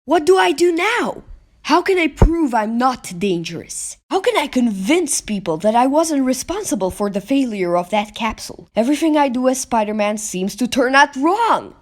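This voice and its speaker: A woman's voice: high-pitched, big pitch swings, moderate pace. A woman voicing a brash, wisecracking teenage boy superhero who thinks aloud dramatically in an amateur comic-book dub. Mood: anguished. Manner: brash, talks to himself dramatically.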